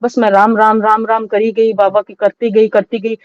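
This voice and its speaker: A middle-aged woman recounting a painful loss as an interview guest, in a halting, sorrowful way with many restarts. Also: medium pitch, flat delivery, no echo, muffled recording. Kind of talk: emotional personal testimony.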